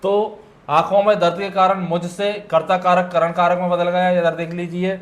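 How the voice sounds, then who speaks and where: Slightly high-voiced man teaching a class. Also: level tone, normal speed, roomy sound. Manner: explanatory, asks and answers his own questions; clears throat and coughs now and then. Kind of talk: exam solution lecture.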